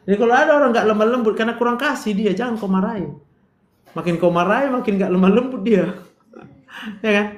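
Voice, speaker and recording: A man lecturing a medical class, firing questions at students, teasing them and joking bluntly. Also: high voice. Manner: quizzing students, joking, brash direct address. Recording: roomy echo, faint room noise.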